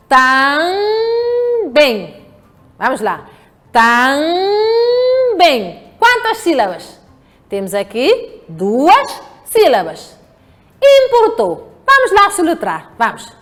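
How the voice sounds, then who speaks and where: A woman teacher with a European Portuguese accent, giving a slow, patient lesson to children and often checking that they follow. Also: very high-pitched, wildly swooping pitch, a bit bright. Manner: slow, patient, checks understanding with rhetorical questions. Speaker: primary school teacher. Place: home.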